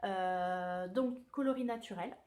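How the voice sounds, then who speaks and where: A woman talks casually to her viewers about her knitting projects. She pauses often and corrects herself as she goes, in a relaxed and chatty manner. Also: mid-range voice. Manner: chatty, with many hesitations and self-corrections. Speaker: knitting podcaster. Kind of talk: casual knitting video podcast.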